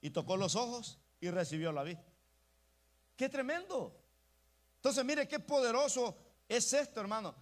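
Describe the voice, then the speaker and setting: High-voiced man preaching a sermon. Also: expressive, normal speed, pauses often. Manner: emphatic preaching, repeatedly addressing the congregation as brother. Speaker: pastor. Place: church.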